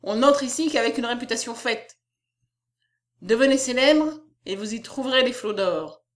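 Brief: a woman putting on a pompous, bossy male publisher, condescending and loud, storybook reading. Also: fairly high pitch, normal speed, voice pushed up, close to an everyday voice. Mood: boastful. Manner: boastful, condescending. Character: pompous fat middle-aged male publisher, domineering.

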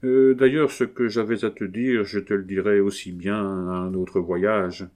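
A man reading aloud voices a kindly, gruff captain in his late fifties, an old hunter who talks to his son in an earnest, fatherly way. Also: lowish voice, level tone, measured pace, a little mellow, lightly acted. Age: 50s.

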